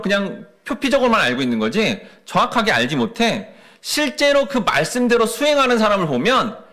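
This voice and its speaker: A man's voice: sits high, fairly bright tone. A man preaching a sermon as pastor, asking the congregation rhetorical questions with rising and falling emphasis.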